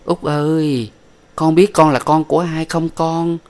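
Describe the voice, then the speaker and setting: Grieving young mother, soft and slow, played by a man raising his voice well above his usual low range. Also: level tone. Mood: tender. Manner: soft and lamenting.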